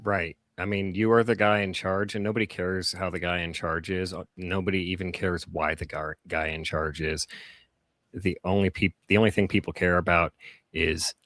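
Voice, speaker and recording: Low-voiced rambling podcast co-host man. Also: moderate pace, no echo. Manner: rambling, animated storytelling. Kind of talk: casual chat.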